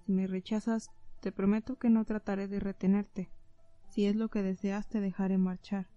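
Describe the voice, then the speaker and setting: A woman's voice: mid-range voice, flat delivery, moderate pace, mellow, no room sound, highs cut off, soft background music, lightly acted. A woman reading as a brooding tormented man. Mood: earnest. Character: brooding tormented male professor, controlling.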